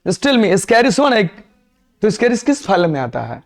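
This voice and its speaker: A man's voice: sits high, very animated, normal speed. A man teaching a biology class, lecturing in a mix of Hindi and English and quizzing students with repeated questions.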